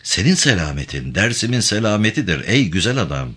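A loyal rifleman, devoted to his old master, read by a male narrator in close to his own voice, pleading tenderly. The voice sits low and bright, in a storybook reading. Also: very animated, brisk, husky, exaggerated voice.

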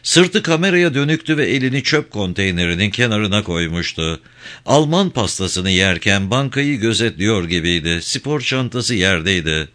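A man narrating a crime novel audiobook with a lively, expressive reading. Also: on the low side, moderate pace.

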